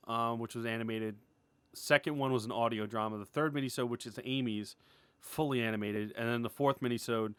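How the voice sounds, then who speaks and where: A man with a clear, resonant mid-range voice, recorded dry, delivers a casual, enthusiastic update as an indie animator, writer and series creator. Unscripted and rambling, he talks to followers informally and says "like" a lot.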